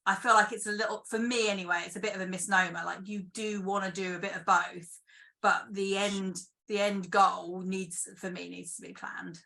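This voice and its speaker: A woman's voice: medium pitch, fairly even intonation, normal speed, creaky, pushed and bright. A British woman screenwriter chatting casually in an interview over a video call, thinking aloud with lots of fillers. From United Kingdom. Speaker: guest screenwriter.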